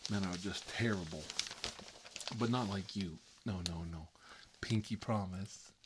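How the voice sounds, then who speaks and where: Speaking in a low, slightly slow voice with an American accent, a man improvises a roleplay monologue as a chatty, hapless guy who lives with his mother. He rambles through folksy, opinionated small talk over background noise.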